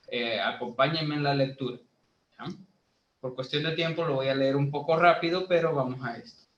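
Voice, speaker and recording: Slow, echoey Bolivian lay preacher. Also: male voice, on the high side, a bit bright. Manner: slow, teaching tone with many fillers, rising to emphatic preaching. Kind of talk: sermon to a youth group.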